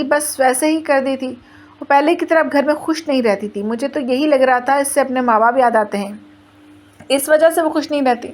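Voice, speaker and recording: Brief: young woman, twenties, high bright voice, first-person storytelling narration. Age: 20s. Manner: plain storytelling, quoting others in her own voice.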